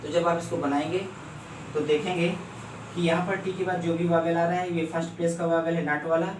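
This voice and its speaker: A man teaching a shorthand lesson step by step, often stopping to ask if it is clear. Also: on the high side, level tone, fairly quick, background noise. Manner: explains step by step, keeps checking "clear?". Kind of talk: classroom lecture. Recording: echoey room, mic far off.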